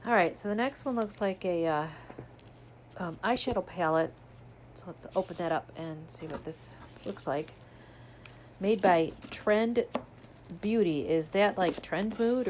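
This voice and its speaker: A woman's voice: fairly low pitch, slight background noise. A woman chatting casually as she unboxes a subscription box, describing each item as she pulls it out. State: hiccuping. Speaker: unboxing vlogger.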